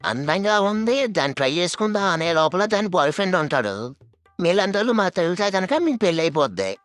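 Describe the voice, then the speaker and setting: A woman's voice: fairly low pitch, very animated, fast, dry recording, faint music behind. A woman voicing a hot-tempered, insulting young man in a cartoon. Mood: angry, insulting. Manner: shouting insults, blunt.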